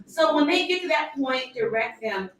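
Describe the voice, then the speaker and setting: Animated woman leading a sales team meeting. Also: high voice, normal speed, very echoey, recorded from a distance, over a noisy crowd, poor audio. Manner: animated, acts out quoted thoughts, laughs often. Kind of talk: motivational team talk.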